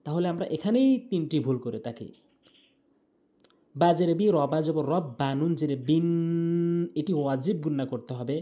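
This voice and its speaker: A man teaching Quran pronunciation, spelling out each letter and vowel, then chanting the verse slowly with long drawn-out notes. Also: fairly high pitch, animated, dark tone.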